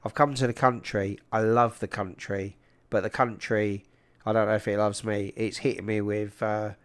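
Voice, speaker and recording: This man hosts a livestream in a smooth voice on the low side, delivered flatly at normal speed with a South London accent. He's matey and informal, calling people "mate," and speaks into a large close mic.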